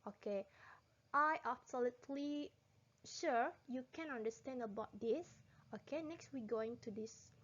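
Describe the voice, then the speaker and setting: A woman's voice: fairly high pitch, expressive, slow, darkish tone, husky. A woman teacher with an Indonesian accent giving a recorded English lesson, switching between Indonesian and English as she explains step by step. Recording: dull lo-fi sound.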